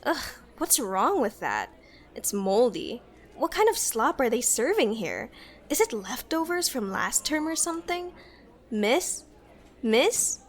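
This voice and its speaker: A woman's voice: fairly high pitch, big pitch swings, takes it slowly. A woman voicing a fussy teenage schoolgirl, whiny and disgusted. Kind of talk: amateur audio drama.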